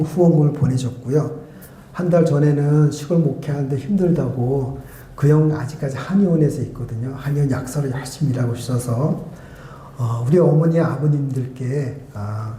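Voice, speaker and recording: A male guest pastor preaching a sermon and telling a personal story, acting out remembered conversations and moving between loud and hushed speech. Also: medium pitch, a little hiss or hum. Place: church sanctuary. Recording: echoey church hall.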